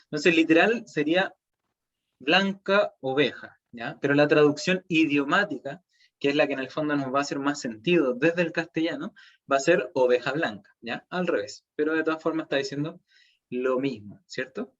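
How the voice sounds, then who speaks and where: A Chilean man teaches a language class over a video call, walking through each example patiently and often checking that students follow. His voice sits fairly high for a man. The sound comes through a computer mic as dull, muffled, lo-fi audio. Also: a little fast. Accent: Chilean Spanish. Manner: explains step by step, checks in with "¿cierto?" and "¿ya?". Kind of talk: online class lecture.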